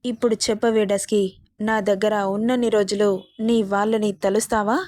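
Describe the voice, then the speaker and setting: A woman's voice: medium pitch, flat delivery, normal speed, a little mellow, dry recording, studio quality, natural voice. A woman voicing a possessive, domineering young man teasing the heroine in a romance story.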